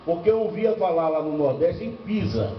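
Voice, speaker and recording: An older male pastor from Bahia speaks in a high voice, spinning anecdotes and asking the room questions. The recording is dull and lo-fi, picked up from a distance in a reverberant church hall with faint background noise. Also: big pitch swings, moderate pace. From Bahia, northeastern Brazil. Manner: storytelling with rhetorical questions and humor. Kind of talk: church seminar preaching. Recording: echoey lo-fi church recording from far off.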